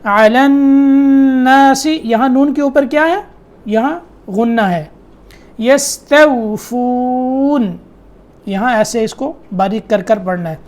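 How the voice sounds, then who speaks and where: A middle-aged man teaching Quran recitation, correcting students with brisk explanations and quick questions. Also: extremely high pitch, a little mellow. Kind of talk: tajweed lesson correcting students.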